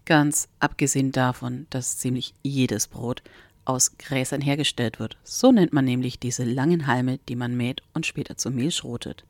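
A woman voicing a smug, teasing young royal man in an audiobook, lowering her voice for him. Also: fairly even intonation, moderate pace, a little mellow, dry recording. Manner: teasing, know-it-all. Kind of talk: audiobook character voice.

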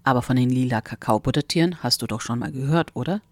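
A woman reading as a young royal man, arrogant and teasing, his voice pushed down into a deep, dry register. He speaks like a know-it-all, relaxed and sure of himself, in a close audiobook reading with no room sound. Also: fast, no echo. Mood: smug teasing. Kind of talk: audiobook character voice.

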